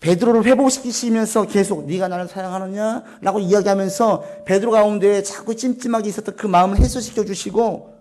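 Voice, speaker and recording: A male pastor preaching a sermon, asking the congregation questions and answering them himself, dropping to a soft low voice on key points. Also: a little fast. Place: church sanctuary.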